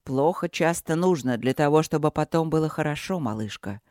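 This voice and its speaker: A narrator lowering the voice for a serene dragon lord and blade master, unhurried and gently patronizing. his voice drops low and quiet. a storybook elder who never raises his tone, recorded close and dry. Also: no echo, close to an everyday voice. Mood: calm.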